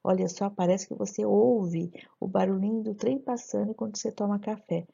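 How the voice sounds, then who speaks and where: A woman with a Brazilian Portuguese accent teaching a poetry lesson, explaining slowly and reading verses aloud with a steady rhythm. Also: medium pitch, gravelly, slightly rough. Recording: dull lo-fi recording.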